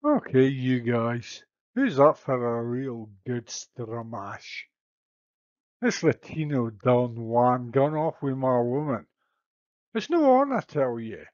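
A jealous brawling king growls threats in a thick Scottish accent, as a man puts him on. The voice is gruff and menacing, heard on a dry, slightly muffled recording. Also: mid-range voice, very animated, slow, a little mellow, no room sound. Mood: threatening. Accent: put-on Scottish.

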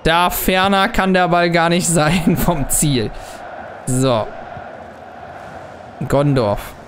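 A young man giving casual commentary while he plays a football video game, muttering at times and bursting out loudly at plays. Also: fairly high pitch, a little hiss or hum. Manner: excitable, swings from muttering to loud outbursts at plays. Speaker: gaming channel host.

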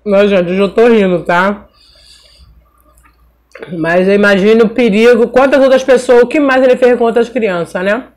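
A middle-aged Brazilian woman telling a personal story in a casual, animated way while eating on camera. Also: fairly high pitch, normal speed, pauses often. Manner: animated, acts out voices of people in her story. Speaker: mukbang vlogger.

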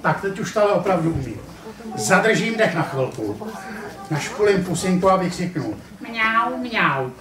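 A man plays a timid young puppy in a live puppet show, sounding shy, sad, eager, and hesitant in a high voice with big pitch swings. The family centre playroom is echoey, and he's picked up from a distance with the crowd audible.

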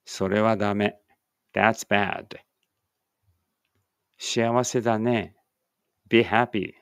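A male English teacher reads short phrase pairs aloud, each Japanese line followed by its English version, at a very slow, careful pace. His voice has a gravelly texture and sits in an ordinary middle pitch. The recording is close and dry. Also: flat delivery, no room sound.

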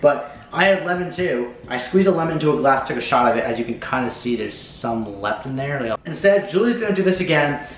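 Animated and on the high side, this young American man's voice runs a little fast with few pauses as he hosts a challenge video. He chats casually to camera, slangy and prone to swearing. A camera mic a few feet away records him in an echoey home kitchen with faint music and slight background noise.

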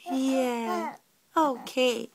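A woman's voice: high-pitched, steady tone, very slow, heavy background noise. A young woman talking to her baby at home in a sing-song baby-talk voice, filmed on a handheld phone. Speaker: parent filming her baby. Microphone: handheld phone camera.

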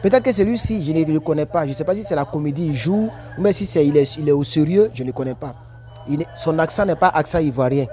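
A man's voice: fairly high pitch, fast, soft background music. A man, reacting to comments in a casual, preachy vlog from his work break. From Ivory Coast. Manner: animated, repetitive, preachy.

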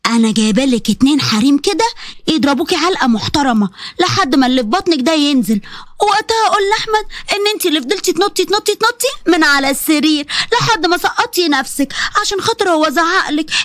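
A woman voicing a scheming, spiteful Egyptian mother-in-law in a storybook drama, taunting with drawn-out words. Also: high voice, animated, a bit bright, dry recording, studio quality. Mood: gloating. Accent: Egyptian Arabic.

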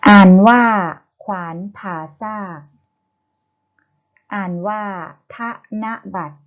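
Very slow, deliberate woman teacher. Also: mid-range voice, muffled recording. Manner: deliberate, syllable by syllable, repeating each word cue. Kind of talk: slow vocabulary reading drill.

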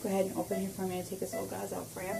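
A woman's voice: medium pitch, completely flat delivery, rapid-fire, creaky, background noise. A woman working as a dental assistant, giving casual aftercare instructions in a reassuring, plain-spoken way. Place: small clinic recovery room. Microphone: patient's phone, a little away from her.

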